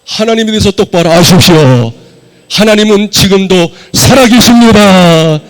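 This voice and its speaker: Hoarse, high-voiced male pastor preaching. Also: lively intonation, moderate pace. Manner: preaching with emphatic shouted peaks, leading the congregation in reading aloud. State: hoarse from a cold. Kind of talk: sermon. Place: church sanctuary.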